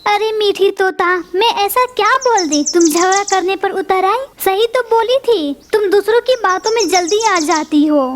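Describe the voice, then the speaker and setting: Woman as a teasing, gossipy cartoon sparrow, high and singsong. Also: normal speed, hardly any pauses, a little hiss or hum. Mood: defensive. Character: gossipy mocking female sparrow. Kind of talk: cartoon voice acting.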